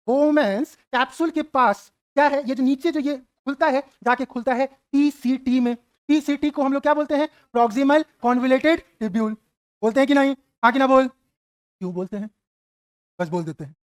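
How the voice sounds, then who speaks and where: A man's voice: extremely high pitch, no room sound, studio quality. A man teaching biology, firing off rhetorical questions, checking whether students follow, and playfully voicing their imagined replies. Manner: keeps asking rhetorical questions and checking "got it?". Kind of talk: exam-prep lecture at a whiteboard.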